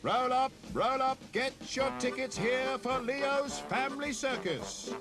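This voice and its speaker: A man's voice: very high-pitched, lively intonation, measured pace, pitched above the performer's own voice. A man voicing a showy male circus ringmaster who calls out to the crowd in a barker's sing-song. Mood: announcing. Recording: music bed behind the voice.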